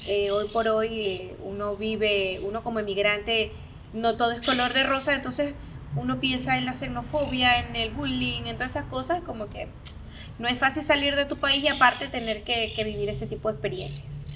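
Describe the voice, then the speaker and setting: A woman's voice: fairly high pitch, steady tone, brisk, a bit bright, slight background noise. Hesitant Venezuelan woman, distant mic. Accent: Venezuelan Spanish. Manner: hesitant, many fillers. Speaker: migrant interviewee. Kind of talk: personal testimony. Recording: distant mic with background ambience.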